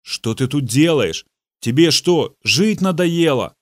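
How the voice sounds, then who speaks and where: A man voicing a shaken, irritated husband who snaps back curtly, close to shouting. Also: mid-range voice, animated, measured pace, no echo. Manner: irritated, snapping.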